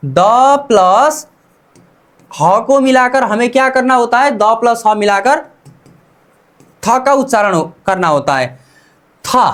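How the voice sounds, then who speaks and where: A teacher leading a beginner language lesson in a slow, deliberate way, repeating each syllable and asking "what?" before answering. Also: medium pitch. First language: Hindi. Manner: repeats each syllable several times for practice.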